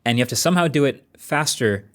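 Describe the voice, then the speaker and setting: A man's voice: mid-range voice, expressive, fast talker, slight background noise. Man, conversational tech commentary. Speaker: tech reviewer and video host.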